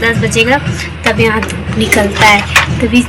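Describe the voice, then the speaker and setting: A woman's voice: a little high, little pitch movement, a little slow, over loud music. A woman working as a nanny and house helper, chatting casually as she narrates her day step by step on her phone. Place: apartment, balcony and park. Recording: loud background noise.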